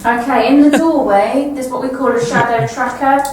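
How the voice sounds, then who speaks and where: A woman's voice: sits high, fairly even intonation, normal speed, a little mellow. A woman heard from some way off the mic in a very echoey stone room, with faint hiss behind her. She calls out in a coaxing manner to spirits during a ghost hunting vigil. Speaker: ghost hunting team member. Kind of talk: paranormal investigation vigil. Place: indoor old cell. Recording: echoey distant room recording.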